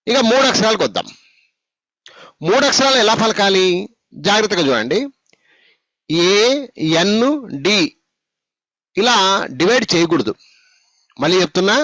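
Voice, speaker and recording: A man's voice: sits high, bright, forceful tone, no echo. A man teaching spelling, patient and repetitive, drilling letters and speaking straight to his students. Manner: patient, repeats and drills, addresses students directly. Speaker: spoken English teacher. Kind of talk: classroom lesson, spelling out letters. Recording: dull, dry lo-fi recording.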